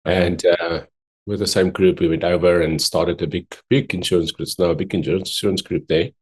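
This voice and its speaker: A man's voice: low-pitched, steady tone, brisk, a little mellow, breathy edge. A middle-aged man with a South African accent, chatting casually as a guest on a podcast. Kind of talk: casual chat.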